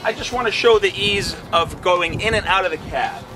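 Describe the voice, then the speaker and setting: A man's voice: high voice, normal speed, over music. A middle-aged man, an equipment dealer salesman, giving a plain product walkthrough with fillers, outdoors on a lot and then inside a tractor cab.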